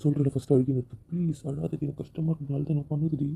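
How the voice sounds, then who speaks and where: A man voicing the husband in an amateur romantic audio drama, often pleading softly. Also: on the high side, level tone, rapid-fire, gravelly, slightly rough. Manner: pleading, soft-spoken apologies. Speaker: audio drama narrator and lead voice. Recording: tinny phone-like audio.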